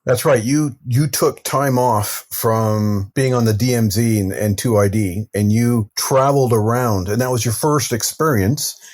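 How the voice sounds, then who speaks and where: A man in his fifties hosts a podcast interview, with a voice of ordinary pitch for a man. He asks his questions in a friendly, conversational way. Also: measured pace, hardly any pauses, a little mellow. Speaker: podcast host. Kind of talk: casual interview.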